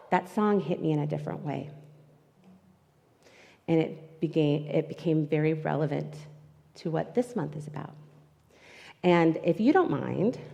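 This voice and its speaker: A woman with a fairly low, creaky voice and darkish tone gives a candid, emotional inspirational talk about her personal life as a guest speaker. She speaks into a microphone in front of her in a spiritual centre hall, livestreamed, with long reverberation in the recording.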